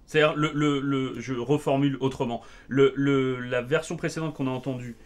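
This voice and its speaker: A male host in a casual chat, agreeable and full of quick affirmations and questions. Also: medium pitch, fairly even intonation.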